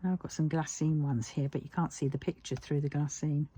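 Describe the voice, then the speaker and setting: A British woman chatting casually while crafting, musing half to herself in a husky, breathy voice. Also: deep voice, fairly even intonation, brisk, dark tone.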